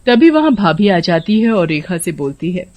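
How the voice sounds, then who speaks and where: A woman narrating a scripted story in a plain, steady way. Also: on the low side, moderate pace.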